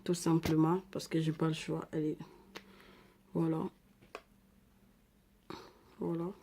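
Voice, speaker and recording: A woman with an African French accent talks casually through a makeup tutorial, filling pauses with repeated little words and murmuring asides while she works. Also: sits low, flat delivery, mellow. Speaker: makeup vlogger.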